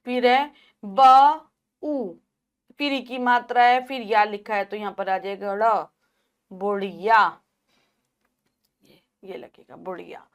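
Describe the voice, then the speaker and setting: Slow, careful woman teaching children. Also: medium pitch, steady tone, smooth. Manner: slow syllable-by-syllable pronunciation drills. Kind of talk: children's Hindi lesson.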